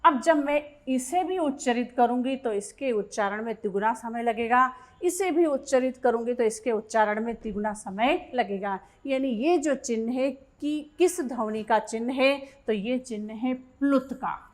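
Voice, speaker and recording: A woman's voice: a little high, measured pace, few pauses. A woman teaching a Hindi grammar lesson for exam preparation, reading out each question and explaining the answer step by step.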